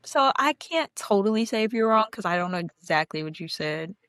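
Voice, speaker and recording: A woman's voice: medium pitch, animated, brisk, a bit bright, clean tone, dry recording, studio quality. A young woman co-hosting a casual podcast, blunt and reading out listener stories. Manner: blunt, reads listener submissions aloud. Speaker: podcast co-host. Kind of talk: casual chat.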